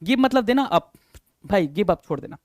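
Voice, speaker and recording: A man's voice: high-pitched, lively intonation, normal speed, a little mellow, no room sound, clean studio sound. A man teaching English vocabulary in a coaxing, repetitive manner, often calling his learners sir and brother. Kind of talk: vocabulary lesson.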